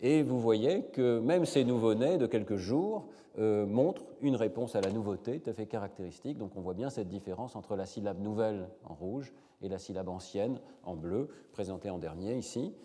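A man's voice: fairly low pitch, expressive, warm tone. Hesitant man lecturing in a hall. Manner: measured, many hesitations. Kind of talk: academic lecture with slides.

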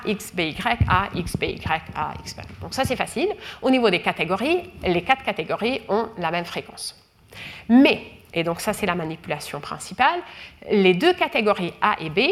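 Woman explaining research slowly. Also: mid-range voice. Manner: careful, explanatory, with frequent fillers and restarts. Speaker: researcher lecturing. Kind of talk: explanatory lecture.

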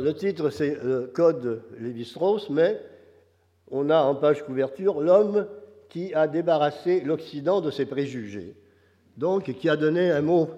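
An older man with a Quebec French accent gives an academic lecture, his voice hoarse and nasal from a cold, halting as he searches for phrasing. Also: a little high, warm tone. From Quebec, Canada. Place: large reverberant lecture hall. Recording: muffled, very reverberant lecture hall.

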